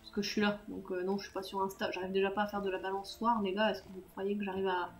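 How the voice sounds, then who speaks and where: Speaking fast and with a flat delivery, a woman at medium pitch chats casually with her audience during a live game stream. She's self-mocking, responds to chat, and laughs frequently at her own blunders.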